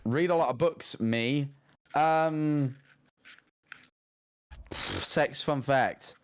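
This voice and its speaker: A man's voice: mid-range voice, very slow, clear, resonant tone. A man in casual comedic chat as a co-host, with dry, self-deprecating humour. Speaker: co-host reading listener confessions.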